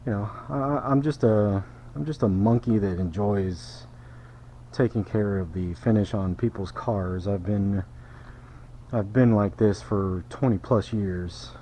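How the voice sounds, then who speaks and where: Middle-aged man, lower voice, slightly winded, self-deprecating shop talk, faint background hum. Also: unhurried, dark tone. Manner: chatty, self-deprecating, jokey asides to viewers. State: out of breath from work. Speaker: car detailer. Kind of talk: casual how-to narration while working. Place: auto detailing shop.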